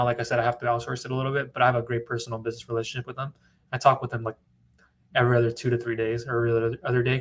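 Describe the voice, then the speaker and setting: A man's voice: mid-range voice, bright, forceful tone. A man from California hosting a casual livestream, talking confidently in a rambling, repetitive way as he answers viewers. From Orange County, California. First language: bilingual in English and Spanish. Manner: confident, rambling, repeats himself. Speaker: business funding broker hosting a livestream.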